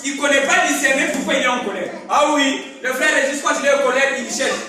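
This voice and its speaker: A man preaching a sermon as pastor, emphatic and often shouting, regularly asking his listeners whether they are following him. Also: very high-pitched, steady tone, fast talker. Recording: echoey room, mic far off, faint noise.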